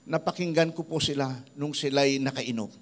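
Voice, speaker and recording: A man's voice: medium pitch, normal speed. A middle-aged man from the Philippines, a pastor preaching a sermon and telling stories about people he has met, acting out their words. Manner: tells stories in a lively voice, quoting people he met. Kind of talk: sermon with storytelling.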